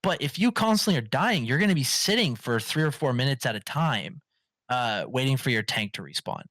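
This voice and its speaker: Bright-voiced man on a gaming podcast. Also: mid-range voice, lively intonation, brisk, no room sound. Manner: rambling, lots of fillers and restarts. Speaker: podcast host. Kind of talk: casual gaming podcast chat.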